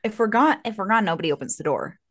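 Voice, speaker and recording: A woman's voice: mid-range voice, lively intonation, quick pace, a bit bright, dry recording, studio quality. A woman chatting casually as a player in a tabletop game. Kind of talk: casual chat.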